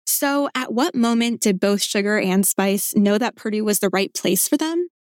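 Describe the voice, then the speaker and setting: A woman's voice: medium pitch, animated, moderate pace, darkish tone, dry recording, clean studio sound. A woman hosting an alumni podcast, reading scripted introductions and asking questions in an upbeat, inviting way. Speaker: podcast host. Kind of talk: scripted narration and interview.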